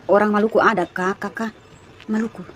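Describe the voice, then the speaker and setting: Chatting on a phone livestream, this young host from East Nusa Tenggara, Indonesia, speaks with a Kupang Malay accent in a steady, mid-range voice at a fairly quick pace. Slight background noise is audible as she greets viewers by name and laughs a lot.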